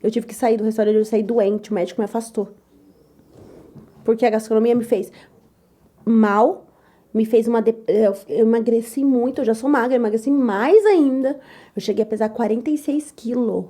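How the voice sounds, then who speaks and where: A young woman chef telling her story in an interview, lively and loud, acting out the voices of others. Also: on the high side, normal speed. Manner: lively, acts out quoted voices, repeats "tal, tal"; says she talks loud and gruff. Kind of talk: animated personal storytelling.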